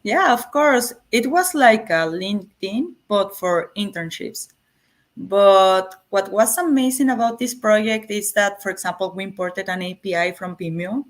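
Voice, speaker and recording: A woman's voice: medium pitch, unhurried. Woman with a Mexican accent. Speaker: interview guest, coding school graduate. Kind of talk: casual interview answers.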